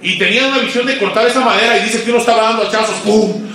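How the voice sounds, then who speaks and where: A man preaching a sermon to pastors, swinging between loud emphatic peaks and low quiet asides and asking the audience questions. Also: racing. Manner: asks the audience questions and waits for replies. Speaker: guest pastor. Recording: echoey hall, voice far from mic.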